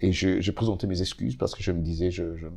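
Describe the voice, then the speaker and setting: A man's voice: low voice, steady tone, fast, gravelly, darkish tone. A middle-aged man from the Democratic Republic of the Congo, a journalist telling stories as a guest in an interview, with many hesitant fillers and easy laughter. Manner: hesitant fillers, laughs while recounting anecdotes. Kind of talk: casual interview chat, animated storytelling.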